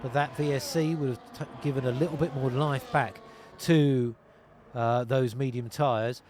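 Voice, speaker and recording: A man calling an online sim racing league race, narrating positions, tyres and penalties in steady play-by-play over a headset. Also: mid-range voice, a little slow, slight background noise. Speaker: lead commentator.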